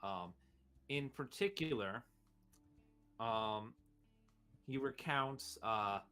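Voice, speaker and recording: A man narrating a tabletop role-playing game as game master, halting and searching for his words. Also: medium pitch, expressive, sharp tone, clear, resonant tone, soft background music.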